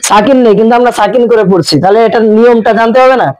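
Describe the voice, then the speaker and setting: A man teaching the rules of Quran recitation, asking and answering his own questions and chanting verses slowly between quick explanations. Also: very high voice, a little mellow, slight background noise, low-quality recording. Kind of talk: religious lesson on recitation rules.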